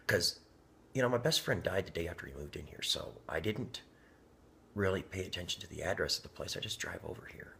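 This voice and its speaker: A man's voice: low-pitched, vocal fry, fairly bright tone. A man telling a personal story in a casual, rambling way, often dropping to a near whisper. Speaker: vlogger. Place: inside a parked car.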